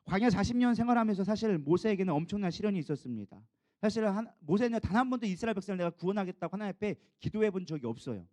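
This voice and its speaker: Korean guy preaching, high and fast, tells it like a story, asks the crowd stuff, dry sound. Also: no room sound. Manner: animated storytelling, questions to the congregation. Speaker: co-pastor. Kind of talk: sermon.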